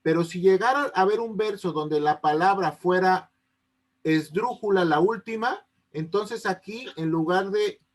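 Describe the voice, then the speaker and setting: A man's voice: high voice, unhurried. A man teaching an online class over a video call, explaining step by step and often checking that his students understand. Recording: unstable connection.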